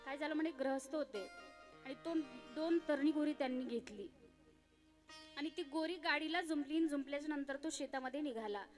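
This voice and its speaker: High-voiced woman preaching a kirtan. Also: brisk, soft background music. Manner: animated, dramatic storytelling, acting out each figure. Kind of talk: devotional kirtan sermon with storytelling.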